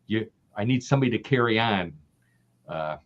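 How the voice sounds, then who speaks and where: An older man from the American Midwest guests on a casual podcast as an author, speaking at a moderate pace in a lowish voice with lively intonation. He laughs often and repeats things, and the lo-fi audio sounds dull.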